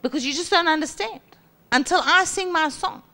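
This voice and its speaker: A woman in her forties with a South African accent, preaching a sermon on a church stage into a handheld mic and mimicking boastful people. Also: brisk. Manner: lively, acts out boastful voices with high pitch jumps. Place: large church hall stage.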